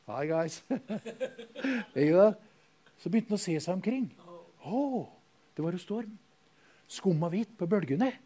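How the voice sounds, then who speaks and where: A man from Norway, preaching a revival sermon and calling out hallelujah as he swings from loud to hushed. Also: sits high, animated, long pauses, slightly rough.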